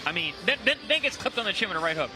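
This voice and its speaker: A man's voice: high-pitched, sing-song, racing, over music. A man giving conversational, emphatic boxing analysis, repeating phrases for stress. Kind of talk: conversational sports commentary.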